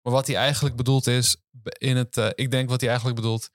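A young man hosting campus interviews, chatting in a relaxed, rambling way with many fillers. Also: mid-range voice, fast talker, dry recording, studio quality. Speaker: host and interviewer. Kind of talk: casual chat. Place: outdoors on a university campus.

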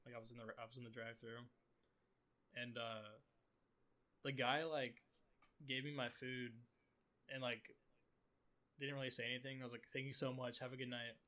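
A man's voice: mid-range voice, little pitch movement, moderate pace, long pauses, pushed and bright. A young man co-hosting a casual podcast chat, rambling through stories and laughing often. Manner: rambling, laughs a lot while telling stories. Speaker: podcast co-host.

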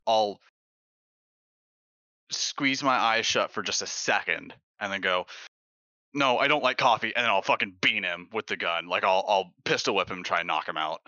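A man playing a tabletop game in character, hesitant with many pauses and restarts. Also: sits low, bright, forceful tone, no room sound, dull audio. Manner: hesitant, lots of ums and restarts. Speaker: player.

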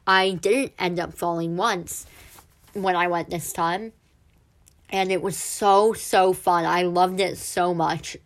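A woman's voice: on the low side, steady tone, slow pace. A young woman hosting a casual solo podcast, chatty and full of fillers, a little self-deprecating, her voice somewhat muffled and close on the mic. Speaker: podcast host. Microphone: close mic, sometimes too loud.

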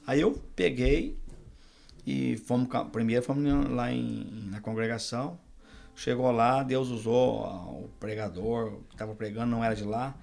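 Gravelly Brazilian pastor telling his story. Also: mid-range voice, steady tone, moderate pace, darkish tone. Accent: Brazilian Portuguese. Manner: storyteller who acts out quoted dialogue. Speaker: pastor, podcast guest. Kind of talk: testimony told in a casual interview.

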